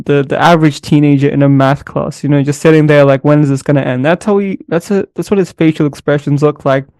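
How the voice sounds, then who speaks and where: A man's voice: a little high, gravelly, a little mellow, dry recording, studio quality. A man commentating casually on mixed martial arts, rambling and loose, with lots of slang fillers. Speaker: MMA commentator.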